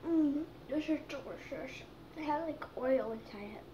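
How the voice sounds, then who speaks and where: A woman's voice: high voice, measured pace, mellow, echoey room, dull audio. A woman casually taste-testing snacks for her channel, talking with her mouth full and trailing off with ums. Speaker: vlogger. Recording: noisy home recording.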